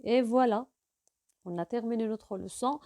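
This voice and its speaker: Woman, French teacher, video lesson, slow deliberate delivery, slightly high pitch. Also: mellow. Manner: slow, deliberate explanation with repeated example sentences. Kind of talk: classroom-style video lesson.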